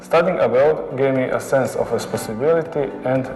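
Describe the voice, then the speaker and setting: A man with a mid-range voice reads a short testimonial in an even tone. The recording sounds roomy and echoey, with clear music behind him. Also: mid-range voice, normal speed. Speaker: former scholarship student. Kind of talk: scripted video narration.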